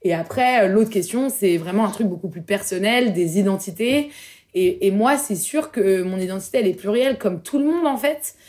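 Her pitch is medium and her intonation lively, with a darkish tone and normal pace. She's a young Parisian guest on a relaxed round-table podcast, speaking informally, using slang and hesitating a lot.

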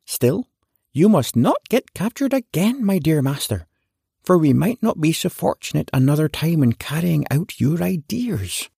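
A man voicing an eager, loyal male fairy in a storybook reading, speaking high and pleased to his master. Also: big pitch swings, measured pace, gravelly, warm tone, slightly rough, dry recording, studio quality, full character voice.

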